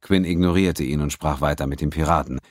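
A man narrating a science fiction audiobook in a steady, measured way. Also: very deep voice, no echo, studio quality. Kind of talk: scripted narration.

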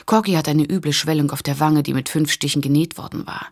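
Woman narrator, low voice, even, measured, audiobook reading. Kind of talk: scripted narration.

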